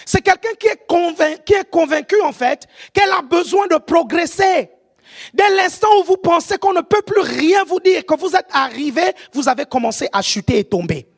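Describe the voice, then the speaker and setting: A preacher with an African French accent gives a sermon, often shouting and checking whether the audience is following. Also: extremely high pitch, normal speed. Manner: animated, often shouting, keeps asking the audience if they follow.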